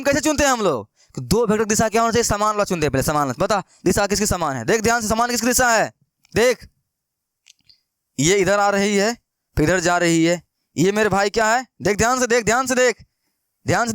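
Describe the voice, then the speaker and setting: A man's voice: high-pitched, a bit bright, no room sound, studio quality. A young man teaching a maths lesson in with a lilt, coaxing and repeating questions to his students. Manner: coaxing, repetitive, keeps asking students questions.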